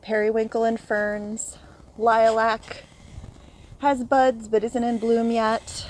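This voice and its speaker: A woman's voice: a little high, a little mellow, slight background noise, low-quality recording. A woman walking through her yard and filming on her phone, chatty and a bit out of breath, naming her plants and sometimes unsure of them. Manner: chatty, listing plants as she walks, unsure of some names. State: a bit out of breath after a run. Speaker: home gardener. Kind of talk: casual garden walk-through video. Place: outdoors in a home yard and garden. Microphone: phone camera held while walking.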